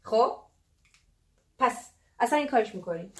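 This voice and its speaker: A woman teaching English grammar in a lively way, explaining at a board and drawing out English words slowly. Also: a little high, echoey room, far from the mic.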